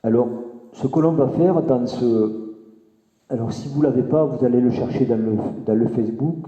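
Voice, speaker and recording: Man teaching a mantra, dark voice. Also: mid-range voice, moderate pace. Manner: gentle, repeats himself, many restarts. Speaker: Buddhist meditation teacher. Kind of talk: spoken teaching with mantra recitation. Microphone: microphone. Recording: roomy, long reverb, dull sound.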